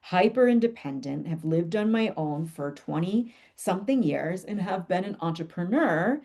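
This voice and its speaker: A woman's voice: on the low side, lively intonation, moderate pace, dark tone. A woman in her forties, a business coach, teaching her school in a reflective, musing way, often laughing and at times dropping to a whisper.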